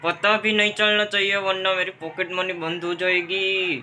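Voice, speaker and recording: A young man with a high, bright voice performs a comedy sketch. He hops between family characters, nudging his pitch up and down for each one. His delivery is quick and playful. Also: level tone, slight background noise. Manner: plays several family roles with shifting pitch.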